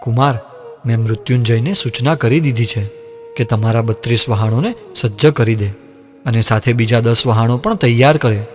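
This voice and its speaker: A man's voice: mid-range voice, normal speed, darkish tone, natural voice. An actor playing a dignified older king who speaks with sorrow about parting with his daughter. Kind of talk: devotional audio drama. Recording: long reverb, music underneath.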